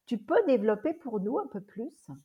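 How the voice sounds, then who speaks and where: A woman hosting a podcast interview as a coach, speaking in a measured way with small hesitations. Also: fairly high pitch, sing-song, narrow, tinny audio. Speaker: host and coach. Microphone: remote interview recording.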